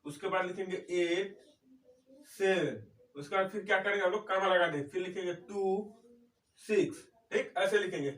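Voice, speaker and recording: A man teaching a step-by-step math lesson. He explains slowly and keeps checking in with his students. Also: high-pitched, fairly bright tone, recorded from a distance. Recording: echoey room, speaker away from mic.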